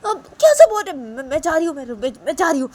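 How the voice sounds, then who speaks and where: A woman voicing a young woman who protests in a high, shrill, pleading voice, for a spoken Hindi love story. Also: very animated, racing, darkish tone. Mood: flustered protest. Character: young woman, flustered, protesting to her parents.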